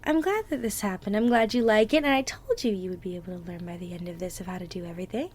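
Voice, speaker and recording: An audio roleplay performer plays an affectionate, excitable girlfriend in a casual ASMR scene, encouraging the listener as she teaches baking, with soft murmured asides. Her natural, mid-range voice has a breathy edge, and she talks fast.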